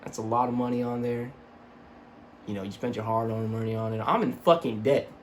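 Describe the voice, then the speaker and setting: A man's voice: mid-range voice, steady tone, a little fast, slight background noise. A young man speaking slightly slurred through braces, giving a casual, rambling, self-deprecating and sweary sneaker review in a home room. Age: young adult. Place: small home room with computer desk.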